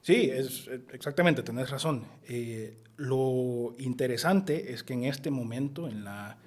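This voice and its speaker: A man's voice: medium pitch, slow, a little mellow. Thoughtful man, political scientist. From El Salvador. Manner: thoughtful, with bursts of emphasis. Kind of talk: conversational interview answers.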